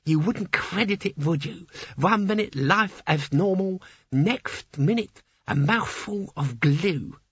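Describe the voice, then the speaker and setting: A man voicing a sneering, vulgar demonic gargoyle door knocker in an audiobook, with a husky, wheedling manner. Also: high-pitched, animated, slow pace, hardly any pauses, fairly bright tone, pitched above the performer's own voice, heavily acted. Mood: leering. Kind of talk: audiobook character voice. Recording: dry, slightly dull recording.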